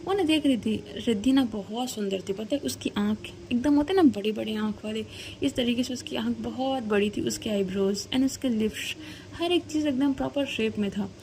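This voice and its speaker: Woman telling a story like chatting w a friend, slangy, kinda high voice, faint hum behind. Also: normal speed, a little mellow. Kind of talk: casual spoken storytelling.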